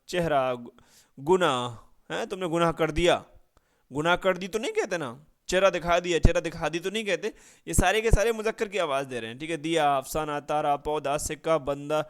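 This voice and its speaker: Man, grammar teacher, high voice, smooth and clear, keeps asking "right?", reads word lists. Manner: drills with constant "right?" check-ins and rhetorical questions. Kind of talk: exam-prep grammar lesson.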